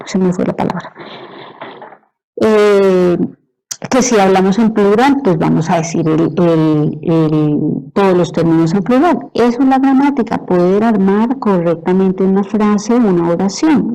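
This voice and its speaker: A woman's voice: medium pitch, a little slow, creaky, mellow, poor audio. A woman lecturing on medicine, explaining patiently and checking in with her students after each point. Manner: explanatory, asks "¿sí?" to check understanding. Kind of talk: university lecture.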